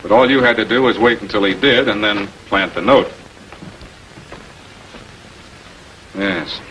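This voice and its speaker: Voicing a shrewd, composed prosecutor grilling murder suspects, this American actor uses a deliberate, authoritative 1940s TV crime drama delivery. He sounds confident and accusing, his voice on the low side with a sharp tone, on a noisy 1940s film soundtrack.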